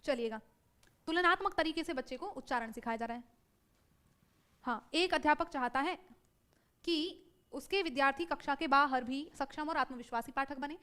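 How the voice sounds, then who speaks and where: A woman with a high-pitched, pushed and bright voice teaches a live online exam-prep class. She is brisk, corrects herself as she goes, and keeps checking in with her students.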